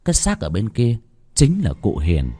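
A man narrating a horror story with dramatic, expressive delivery. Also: fairly low pitch, moderate pace, breathy edge, soft background music.

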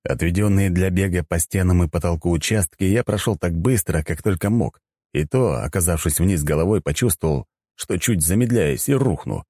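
A man reading a first-person audiobook in a steady storytelling manner. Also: low voice, normal speed, breathy edge, no echo, studio quality. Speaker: audiobook narrator.

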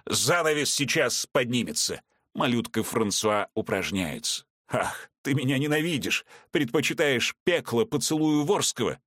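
A man voicing a cruel, vengeful male villain in an audiobook, gloating and ranting between low menace and shouting. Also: very animated, normal speed, no room sound, studio quality. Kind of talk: audiobook character reading.

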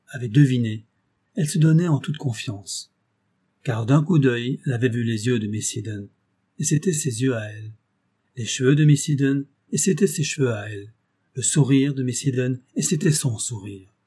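A man narrating an adventure novel in a measured, expressive reading. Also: mid-range voice, husky. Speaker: audiobook narrator. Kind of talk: scripted narration.

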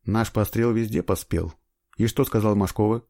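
A man voicing a gruff, impatient investigator. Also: fairly low pitch, normal speed, mellow, no echo, clean studio sound, close to an everyday voice. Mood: pressing. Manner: gruff, ironic, scolding. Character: ironic, impatient middle-aged male investigator. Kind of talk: audiobook reading.

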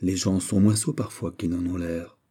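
A sharp-witted young princess, arch and lightly mocking, her voice raised a little above a very dark, mellow base, as a male reader puts her on. She chides with knowing ease in a storybook reading. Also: deep voice, fairly even intonation, normal speed, husky. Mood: teasing. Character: witty, teasing young royal princess.

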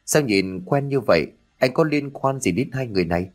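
A man voicing a stern but compassionate district magistrate of old times who speaks in a measured, authoritative way. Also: mid-range voice, expressive, pitched above the performer's own voice, close to an everyday voice. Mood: solemn.

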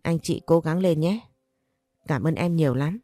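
A woman's voice: sits low, moderate pace, mellow, no echo, clean studio sound. A woman reading the lines of a tearful, apologetic young female friend in a storybook tale. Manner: pleading, caring.

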